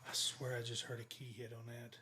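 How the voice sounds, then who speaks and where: A man's voice: mid-range voice, monotone, fairly quick, pushed and bright. A man filming a night exploration vlog, talking nervously and at times whispering. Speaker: urban explorer vlogger. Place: inside an empty old school building. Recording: roomy echo, ambient noise in abandoned building.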